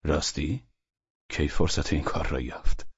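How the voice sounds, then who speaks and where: A man voicing a guarded, dignified middle-aged gentleman who speaks curtly in an audiobook. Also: rumbling low, steady tone, breathy edge, no room sound, dull audio, full character voice.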